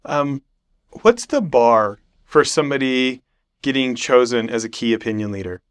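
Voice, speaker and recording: Smooth-voiced male podcast host. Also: medium pitch, expressive, moderate pace. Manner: rambling questions with fillers. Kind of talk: podcast interview questions.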